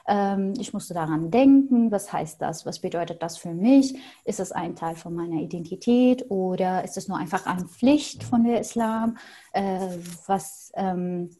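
Syrian woman guest, relaxed dark timbre, pauses to think. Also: medium pitch. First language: Arabic. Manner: thoughtful, hesitant with frequent fillers. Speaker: interview guest. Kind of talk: conversational interview.

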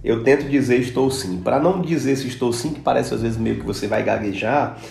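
A Brazilian man with a Brazilian Portuguese accent hosting a casual podcast, chatty and animated when telling anecdotes. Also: medium pitch, fairly quick, vocal fry. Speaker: podcast host. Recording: roomy echo with faint guitar music.

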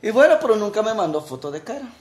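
Mexican man, wry joking storyteller, somewhat high voice, echoey room. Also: big pitch swings, fast talker. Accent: Mexican Spanish. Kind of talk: casual chat.

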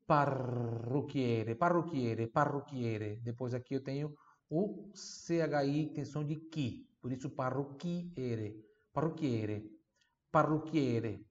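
A man giving an online language lesson, sounding words out slowly and repeating each one so the student can follow. The recording sounds a little dull and lo-fi. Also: medium pitch, a little mellow. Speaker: Italian teacher.

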